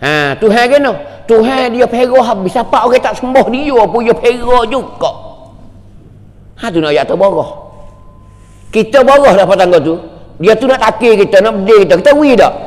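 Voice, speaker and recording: High-voiced preacher, echoing hall. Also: male voice, lively intonation, moderate pace, darkish tone. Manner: emphatic, repetitive, rhetorical questions. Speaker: religious teacher. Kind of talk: sermon.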